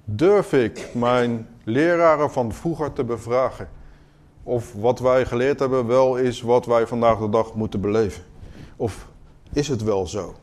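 A man preaching a sermon in an earnest, questioning way, moving between quiet moments and emphatic ones. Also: medium pitch.

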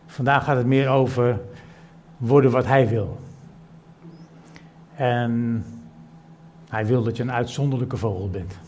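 A middle-aged man from the preaching a sermon in church and reading from the Bible. He goes from soft, measured talk to loud, emphatic preaching and repeats phrases for emphasis. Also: medium pitch, a little hiss or hum. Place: church service, also streamed to people at home.

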